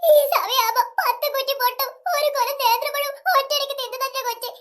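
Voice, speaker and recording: Shrill high-pitched comic sketch voice. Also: female voice, steady tone, quick pace, bright, forceful tone. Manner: shrill, melodramatic wailing and bickering. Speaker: comedy sketch performer voicing several family characters. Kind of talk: comic family sketch acting.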